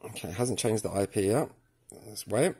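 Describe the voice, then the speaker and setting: This man's voice sits on the low side, warm and husky, at a moderate pace. Working with his hands at an indoor table while filming them and the device, he narrates a laid-back product tutorial, thinking out loud.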